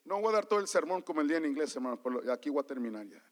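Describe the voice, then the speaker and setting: A man preaching a sermon as a pastor, switching between Spanish and English and calling out to the congregation, quiet one moment and shouting the next. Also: a little high, sing-song, rapid-fire. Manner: swings from quiet to loud, shouting at peaks. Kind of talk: bilingual sermon. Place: church.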